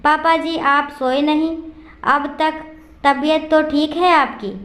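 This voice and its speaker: Storybook daughter-in-law, young and worried, voiced by a woman narrator, respectful, high voice. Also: steady tone, slow pace, fairly bright tone. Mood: hesitant. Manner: hesitant, respectful.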